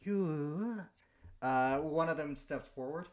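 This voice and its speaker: A man's voice: on the high side, sing-song, moderate pace. A man running a tabletop game as game master, narrating scenes and rules in a casual way.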